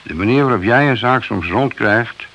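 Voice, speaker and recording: On a hissy, noisy old radio recording, a radio drama actor plays a principled, long-serving police detective. His mid-range voice is expressive and fairly bright, moving at a moderate pace as he admonishes someone in a matter-of-fact way.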